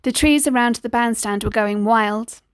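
A woman reading a first-person story aloud in a measured, deliberate way. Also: a little high, smooth, dry recording, studio quality. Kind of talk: scripted audiobook narration.

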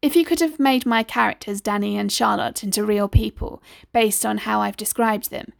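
Woman reading an audiobook story, slow and steady, kinda high, gravelly, dry close sound. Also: no room sound. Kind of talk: scripted audiobook narration.

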